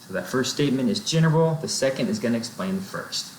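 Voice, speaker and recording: A man's voice: medium pitch, expressive, quick pace. A man explaining sentence structure in a recorded lecture, checking in with "right?" and "okay?" as he goes. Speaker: writing instructor. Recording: roomy echo, faint noise.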